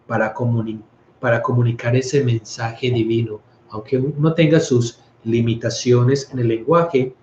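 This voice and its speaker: Colombian priest giving a roomy, conversational talk. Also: male voice, medium pitch, a little mellow, a little hiss or hum. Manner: conversational, stumbles and restarts words. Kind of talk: informal scripture talk. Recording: roomy, slightly dull recording.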